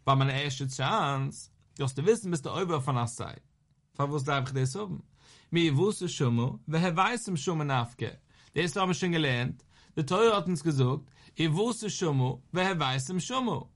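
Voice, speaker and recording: A man teaching a Talmud lesson in a lively singsong study cadence. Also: a little high, normal speed.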